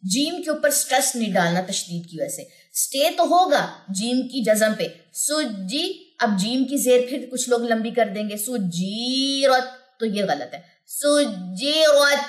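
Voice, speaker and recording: A woman with a Pakistani Urdu accent teaching Quran recitation, explaining each sound step by step and then chanting the verses in a long drawn-out melody. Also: a little high, animated. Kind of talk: tajweed lesson with recitation.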